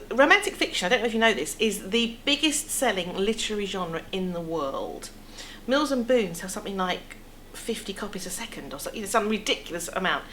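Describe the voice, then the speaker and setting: A theatre producer, middle-aged and English-accented, chats informally through explanations while interviewed in an indoor theatre foyer's café seating. Her voice is mid-range with a fairly bright tone, and background room noise is clear.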